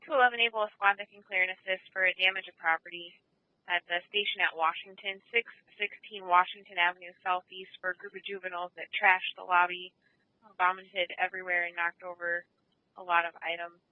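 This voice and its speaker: A woman police dispatcher reading back calls in a brisk, flat, routine way over a police radio transmission. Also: lowish voice, no echo, phone-quality sound.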